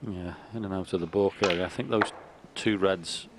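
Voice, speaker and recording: Male commentator for snooker, deep and quiet, reflective pacing, over noticeable hall noise. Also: steady tone, moderate pace. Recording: noisy arena ambience behind voice. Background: snooker arena ambience.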